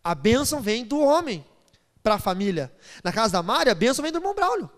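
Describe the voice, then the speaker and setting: A man in his thirties preaches from the pulpit, his voice high and bright as he slips into playful impressions of the people in his stories. He builds from chatty anecdote to loud, fervent proclamation. His words ring out with a long reverb through a large church hall. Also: very animated, quick pace. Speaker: pastor. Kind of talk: sermon with storytelling.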